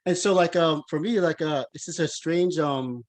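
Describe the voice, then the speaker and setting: A man's voice: on the high side, moderate pace. An American man in his thirties hosting a podcast interview, talking casually and rambling with many restarts and fillers. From United States. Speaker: podcast host.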